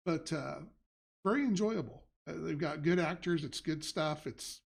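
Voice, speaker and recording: A middle-aged man with a slightly raised pitch hosts a relaxed live show. He rambles through his answers, circling back with restarts and fillers as he explains game design and chats about what he's been watching. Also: moderate pace, gravelly. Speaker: game company head and show host. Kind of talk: casual livestream chat.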